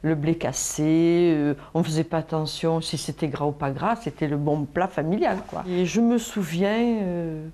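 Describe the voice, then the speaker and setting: A woman from France giving a reflective documentary interview about joining hospital nutrition workshops, pausing often with fillers. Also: low voice, mellow. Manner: hesitant, reflective, many fillers.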